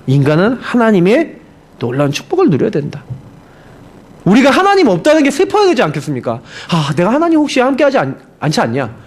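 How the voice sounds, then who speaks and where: A middle-aged man, a pastor, preaching a sermon and telling a personal story, moving between loud outbursts and hushed prayerful lines. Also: high-pitched. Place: church sanctuary.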